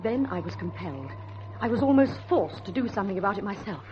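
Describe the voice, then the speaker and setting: A woman plays an anxious, determined young niece in a suspenseful radio drama, speaking and narrating in an earnest, literary style with a grave mood. Her medium-pitched, natural voice is sing-song and fast. The old radio recording is muffled, with faint noise.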